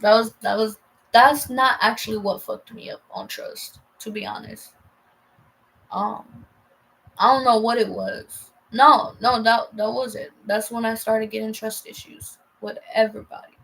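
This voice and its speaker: A woman's voice: on the high side, steady tone, a little slow, gravelly, a bit bright, a little hiss or hum, poor audio. A young woman casually telling a personal story on a vlog, heated and profane, rambling with lots of fillers and restarts.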